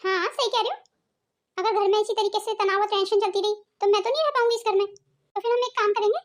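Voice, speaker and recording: A young cartoon home-wrecker with a falsely sweet, coaxing manner , voiced by a woman. Her voice is extremely high and she talks briskly. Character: young scheming other woman, sweet-talking. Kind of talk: cartoon soap voice acting.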